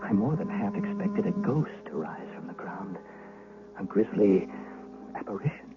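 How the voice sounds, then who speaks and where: In a muffled vintage 1970s radio broadcast, a male actor with a lowish voice plays a frightened, servile young shepherd boy in an old-time radio drama, narrating his own tale with anxious, haunted dread. He stammers and turns hesitant when questioned, his pitch swooping wildly at a normal speed over music.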